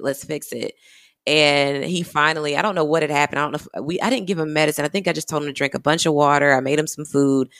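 A woman in her thirties speaks in a candid, heartfelt way about her own life. Her voice carries a steady gravelly rasp, and she fills her sentences with "you know" as she thinks aloud. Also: deep voice. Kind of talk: candid personal storytelling.

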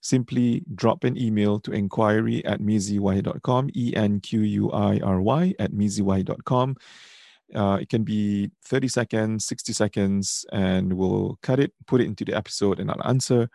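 Low-pitched Singaporean man hosting a podcast. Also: steady tone, normal speed, vocal fry, dark tone, no room sound, clean studio sound. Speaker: podcast host.

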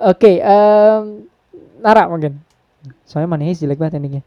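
A man hosting a casual podcast, relaxed and mixing English phrases into his talk. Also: high voice, moderate pace, dry recording, dull audio. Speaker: podcast host.

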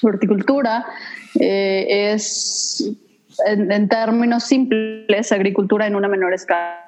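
A woman's voice: mid-range voice, steady tone, unhurried, a little mellow, faint music behind, low-quality recording. A woman from Mexico City with a Mexico City accent, talking casually and thoughtfully about her studies and interests, with many hesitant fillers. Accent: Mexico City Spanish. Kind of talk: casual conversation.

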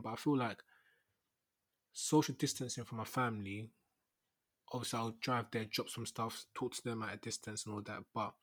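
A young man with a London roadman accent and heavy street slang, chatting informally as he hosts a solo podcast. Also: mid-range voice. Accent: London, Multicultural London English. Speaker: podcast host. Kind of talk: casual solo podcast chat.

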